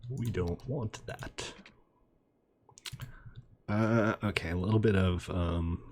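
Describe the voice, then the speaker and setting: Brief: deep-voiced, unhurried male game commentator, keyboard clicks behind. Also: a little hiss or hum. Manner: relaxed, thinking aloud while building. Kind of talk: let's play commentary. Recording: mouse and keyboard clicks audible. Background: computer clicking and typing.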